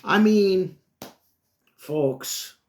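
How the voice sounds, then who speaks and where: A middle-aged man runs his own sports talk channel, speaking in a chatty, folksy monologue that drifts between topics and often addresses listeners as "folks." His voice sits high and moves extremely slowly, with slight background noise.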